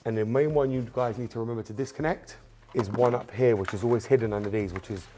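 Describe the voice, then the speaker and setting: Fast and mellow, this man's mid-range voice comes through with slight background noise. He hosts a car mechanic channel and speaks Spanish as his first language; in a hands-on repair tutorial he addresses "you guys" casually while working, repeating "um" and "obviously" again and again.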